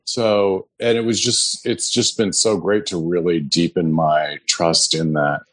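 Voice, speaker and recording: A man's voice: deep voice, steady tone, measured pace, dry recording. A man giving an earnest, hesitant personal testimony to his meditation group. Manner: earnest, hesitant, full of fillers. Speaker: sangha member giving testimony.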